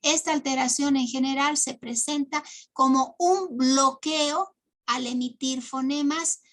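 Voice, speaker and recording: A woman's voice: high voice, fairly even intonation, measured pace, fairly bright tone. A woman teacher giving an online class lecture, explaining step by step with many "eh" fillers and "¿no?" tag questions.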